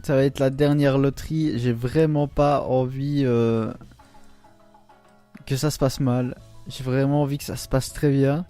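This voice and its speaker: A man giving casual commentary on his game pulls, excitable and groaning aloud whenever the luck turns against him. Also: medium pitch, measured pace, faint music behind. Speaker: gaming YouTuber.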